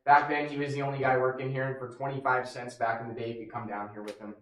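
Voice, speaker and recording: A man's voice: mid-range voice, flat delivery, quick pace, fairly bright tone. A man working as a cave tour guide, talking casually and jokingly to a group in an echoing cave. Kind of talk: informal guided tour talk. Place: inside a large cave.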